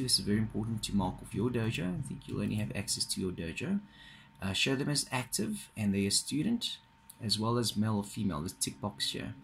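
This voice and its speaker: A man giving a casual, halting walkthrough of a computer system, filmed with a phone pointed at the monitor. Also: on the low side, slight background noise. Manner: casual, halting, many fillers and restarts. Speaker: software trainer. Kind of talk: screen-recorded software walkthrough. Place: indoors at a desk. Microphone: phone filming a monitor.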